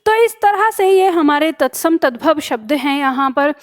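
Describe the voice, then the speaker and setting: A woman's voice: high voice, expressive, a little slow. A young woman teaching an online exam-prep lesson, explaining step by step and repeating each answer back as a question. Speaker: Hindi teacher.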